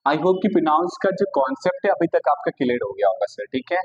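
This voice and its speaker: A man with an Indian accent teaching an English grammar lesson at a board, mixing Hindi and English, dictating example sentences slowly and bantering with imagined students' questions. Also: high-pitched, huge pitch swings, lo-fi sound. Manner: mixes Hindi and English, repeats "theek hai sir", dictates sentences slowly.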